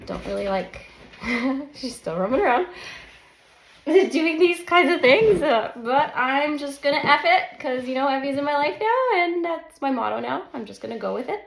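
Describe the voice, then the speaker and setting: A counselor and children's book author in her early forties reads her own manuscript in an unscripted personal vlog, speaking candidly, a little nervously, haltingly and self-consciously. Her voice sits high, expressive and creaky. She's indoors at a desk in a live, unedited home recording with the roomy echo of an untreated room.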